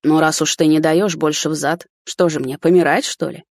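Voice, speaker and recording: A sly older man, voiced by a woman reading an audiobook, drawls his lines slowly, teasing and unhurried. The voice sits low and a little husky. It is recorded dry and close. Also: steady tone, darkish tone, no echo. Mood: mocking.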